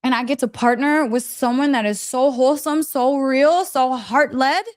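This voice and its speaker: A woman with a fairly high voice, speaking at normal speed, hosts a casual live story session as a spiritual teacher. She's gushing and emphatic, often repeating phrases for weight, and chats directly with her listeners, checking in with frequent little questions.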